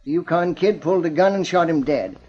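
Actor as brisk, higher-voiced police inspector. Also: male voice, darkish tone, natural voice. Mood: businesslike. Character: brisk, authoritative male Mountie inspector. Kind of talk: old-time radio drama acting. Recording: dull old radio recording.

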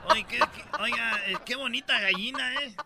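A man's voice: very high-pitched, moderate pace, very noisy. A man, playing a folksy, rambling rancher in an improvised comedy court sketch.

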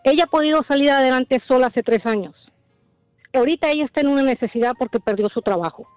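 A woman caller from Dallas speaks firmly on a radio phone-in, with a high voice and faint music behind her. She lectures in an emphatic, steady way. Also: fast talker, no room sound, rough recording. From Dallas, Texas.

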